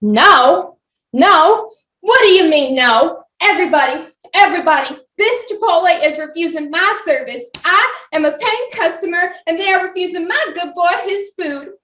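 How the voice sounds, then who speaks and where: Entitled middle-aged woman customer, high and shrill, complaining loudly; a woman puts her on, echoey and off-mic. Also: animated, a little slow. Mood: outraged. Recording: roomy, distant mic.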